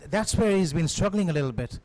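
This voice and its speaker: A man giving live cricket commentary in a measured, analytical manner. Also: on the high side, animated, darkish tone, rough recording.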